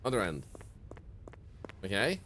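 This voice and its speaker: A man doing live gameplay commentary as a streamer, excitable, laughing often and yelping at sudden scares. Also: lowish voice, takes it slowly, slight background noise. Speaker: streamer playing a horror game.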